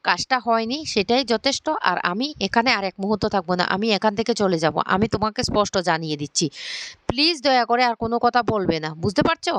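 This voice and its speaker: A woman's voice: medium pitch, animated, brisk, fairly bright tone, dry recording, lightly acted. Give me a woman playing a furious, scheming young woman, dry and close. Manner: furious, threatening. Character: scheming angry young woman, hot-tempered.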